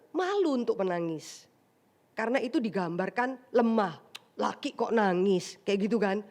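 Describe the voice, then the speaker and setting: A woman pastor with an Indonesian accent delivers a chatty, animated sermon in a church. Her voice sits a little higher than most. She drops in English phrases and briefly acts out the people she talks about. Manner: conversational preaching, mixing in English phrases and acted asides. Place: church sanctuary.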